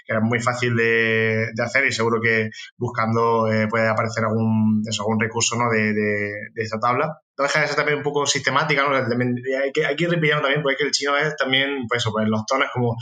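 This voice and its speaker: Fast, bright-voiced Spanish man. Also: mid-range voice. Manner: rapid, enthusiastic, many restarts and fillers. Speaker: guest. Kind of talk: casual podcast chat.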